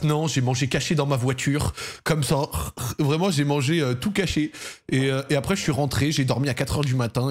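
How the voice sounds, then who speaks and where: Animated, high-voiced young French man streaming. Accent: Parisian French. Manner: slangy, animated, laughs while telling stories. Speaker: streamer hosting a football debrief. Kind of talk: casual storytelling monologue to viewers.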